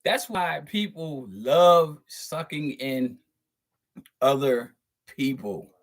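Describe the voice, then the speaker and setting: Lively, slow-talking preachy man. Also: a little high. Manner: profane, preachy, emphatic; chuckles between points. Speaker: channel host. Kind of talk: spiritual monologue to viewers.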